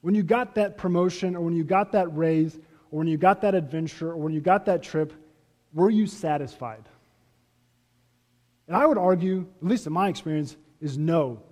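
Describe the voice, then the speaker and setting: A man preaching a sermon as pastor, earnest, pressing his points and then letting them fall away softly. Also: a little high, moderate pace. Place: church sanctuary. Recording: reverberant church hall.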